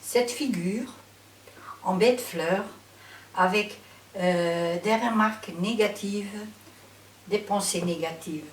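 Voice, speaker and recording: A woman with a Flemish Dutch accent gives an instructional introduction as a trainer. She talks slowly in careful, halting phrases, as a non-native speaker does. The sound is roomy and a bit distant from the microphone, with faint hiss. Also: mid-range voice. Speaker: psychotherapist trainer and presenter.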